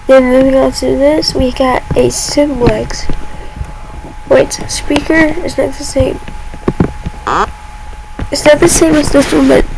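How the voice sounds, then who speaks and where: A woman hosting a casual demonstration vlog, talking in a halting, informal way. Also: sits high. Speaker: video host. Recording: clear background noise.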